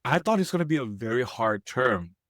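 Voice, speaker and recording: A man's voice: medium pitch, fairly quick, no room sound. A young man of Korean heritage who grew up outside Korea, co-hosting a podcast in casual, playful chat and often correcting himself mid-sentence. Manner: playful, jokey, animated, often self-correcting. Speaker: podcast co-host.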